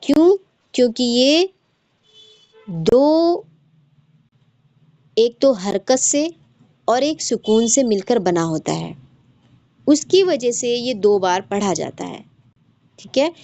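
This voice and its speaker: A woman's voice: a little high, animated, takes it slowly, pauses often, mellow. A woman teaching Quran recitation rules in an online class, patiently repeating each rule and quizzing her students. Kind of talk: online tajweed lesson. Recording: dull lo-fi sound.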